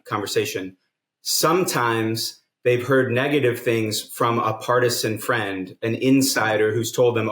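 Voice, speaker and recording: A nonprofit co-founder appears as a guest on a podcast, earnestly explaining his reasoning and building his argument step by step. His mid-pitched voice stays steady, and a noticeable echo from an indoor room surrounds it.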